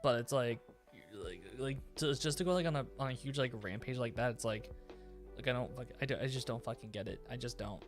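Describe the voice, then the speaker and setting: A man's voice: medium pitch, a little fast, faint music behind. A man chatting casually on a live stream, rambling with many fillers and restarts.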